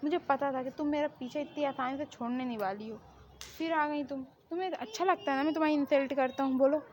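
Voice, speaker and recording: A woman's voice: high voice, quick pace, a little hiss or hum, close to an everyday voice. A woman playing a grumpy young husband.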